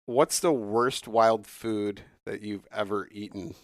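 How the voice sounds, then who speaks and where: A man with a gravelly, creaky voice co-hosting a podcast, cracking dry jokes and firing off quick questions. The sound is dry and close. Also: fairly low pitch, fairly even intonation, no echo. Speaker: podcast co-host. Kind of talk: casual chat.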